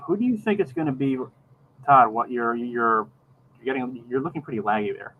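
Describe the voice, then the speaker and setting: A middle-aged man chatting casually on a video call, rambling and halting, often repeating words as he gathers his thought. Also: medium pitch, expressive. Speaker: podcast co-host. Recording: dull lo-fi video call, faint background noise.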